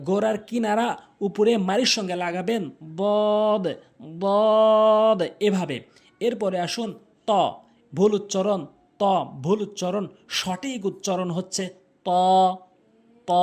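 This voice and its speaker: Male Quran tutor, fairly high voice, deliberate drilling of letter sounds, patient step-by-step explanations. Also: gravelly. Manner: repeats each Arabic letter sound several times, slow and deliberate; explains mouth and tongue placement step by step. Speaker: Quran recitation teacher. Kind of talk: pronunciation lesson.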